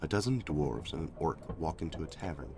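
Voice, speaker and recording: A man voicing a gruff, low male inner voice from a role-playing game, slow, dry and mocking. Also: lively intonation, background noise.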